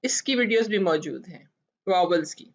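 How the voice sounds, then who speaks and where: A woman's voice: fairly low pitch, animated, muffled recording. A woman teaching phonics, sounding out letters and stretching each word as she repeats it. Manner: drawn-out, repeated word pronunciations.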